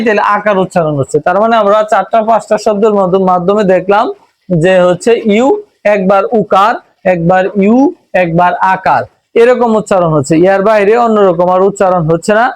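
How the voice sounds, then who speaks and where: Casting: Bangladeshi male teacher, high-pitched voice, patient and slow, spells out sounds. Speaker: English reading teacher. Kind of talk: Bengali-language phonics lesson.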